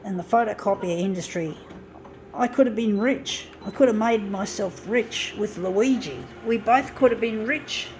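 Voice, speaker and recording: Speaking at a moderate pace in a mid-range, slightly mellow voice, this fifty-something vlogger drifts through a rambling, self-mocking monologue that turns frustrated and sweary. She's indoors in a room with a copier. The audio is poor, with slight background noise.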